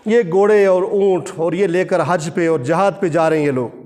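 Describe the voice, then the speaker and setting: A preacher doing a defeated devil, low and lamenting, self-pitying complaint. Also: male voice, darkish tone, lightly acted. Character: grieving male devil, whining in defeat.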